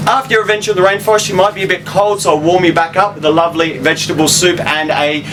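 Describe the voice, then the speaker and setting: A man's voice: high-pitched, steady tone, fast. A man with a Tasmanian Australian accent giving a chatty, informal guided tour announcement to passengers. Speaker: tour train host. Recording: distant voice, noisy moving vehicle.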